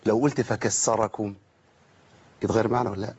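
Husky Egyptian man teaching recitation. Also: mid-range voice, darkish tone. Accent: Egyptian Arabic. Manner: patient, explanatory, slowly drawing out sounds to demonstrate. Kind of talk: correcting a student's recitation. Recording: dull lo-fi recording.

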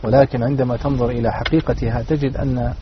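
A man speaks formal standard Arabic at a brisk pace in a religious panel discussion. His delivery is preacherly and addressed straight to the audience. The recording is muffled, with faint noise under the voice. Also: mid-range voice, level tone. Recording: dull, noisy radio-like sound.

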